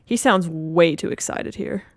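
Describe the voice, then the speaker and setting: A woman's voice: lowish voice, unhurried, vocal fry, a little hiss or hum. A woman giving casual, enthusiastic fan commentary as a video host reacting to game audio.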